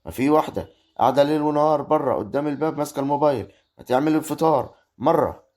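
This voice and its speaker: A man's voice: on the high side, racing, darkish tone, lightly acted. A man with an Egyptian accent acting a young village husband caught between his wife and his mother in an amateur family drama. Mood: arguing. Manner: exasperated, arguing.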